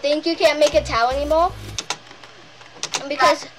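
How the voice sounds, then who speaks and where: A woman's voice: high-pitched, steady tone, normal speed, noisy background. A young girl hosting a gaming vlog, chatty and nervous, often repeating herself. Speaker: channel host. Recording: game music playing loudly underneath. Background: game music.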